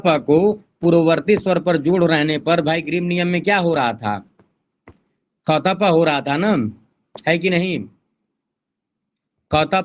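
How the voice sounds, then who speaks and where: Man lecturing step by step, lo-fi. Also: on the high side. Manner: explains step by step, repeats points, asks and answers his own questions. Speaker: teacher. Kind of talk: online exam-prep lecture. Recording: dull lo-fi recording.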